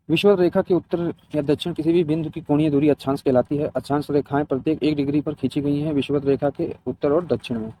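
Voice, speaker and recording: Dark in tone but pitched on the high side, this man's voice delivers a geography lesson from notes, with short instructional asides for students facing competitive exams. Sound quality is lo-fi, dull and muffled.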